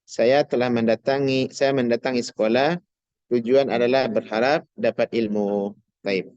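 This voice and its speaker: A man teaching an Arabic grammar class online, patiently quizzing his students and drawing out example words slowly. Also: mid-range voice, fairly even intonation, a little mellow, no echo, highs cut off. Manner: patient, asks students questions, slow drawn-out example words.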